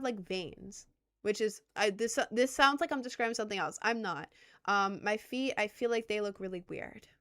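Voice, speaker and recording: A content creator in her twenties from Maryland, USA, chats casually with viewers on a livestream, rambling and self-deprecating. Her mid-range voice is a bit bright, with a light Southern American accent mixed with New York.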